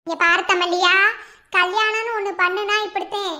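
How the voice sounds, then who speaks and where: Cartoon aunt, Madurai accent, shrill and bright, preachy and fond, voiced by a woman. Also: steady tone, moderate pace. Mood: lecturing. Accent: Madurai Tamil. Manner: long preachy advice, coaxing questions. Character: motherly middle-aged aunt, lecturing and fond. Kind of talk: cartoon voice acting.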